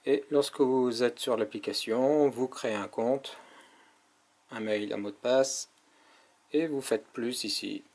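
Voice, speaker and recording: Man calmly explaining a gadget. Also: medium pitch. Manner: explanatory, with frequent hesitations. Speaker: tech product reviewer. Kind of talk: casual product demonstration.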